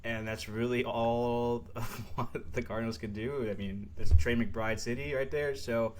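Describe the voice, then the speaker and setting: A man's voice: medium pitch, fairly even intonation, unhurried, a little mellow, a little hiss or hum. A young man co-hosting a sports podcast, chatting casually and rambling with lots of fillers and laughs. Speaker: podcast co-host.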